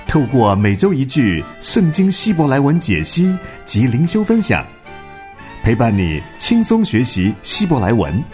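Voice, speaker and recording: Lively man announcing a show intro. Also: medium pitch. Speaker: program announcer. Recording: faint violin music behind.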